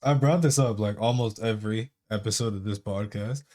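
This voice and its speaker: Chill guy cohost, kinda low voice, laughs along, fanboy energy. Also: a little fast, a little mellow. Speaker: podcast co-host. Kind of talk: casual chat.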